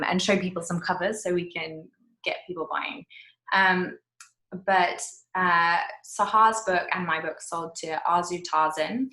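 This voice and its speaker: A woman's voice: fairly low pitch, bright, forceful tone, reverberant, low-quality recording. A woman hosting a casual interview with an author over a video call, chatty and full of asides. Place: indoors at home.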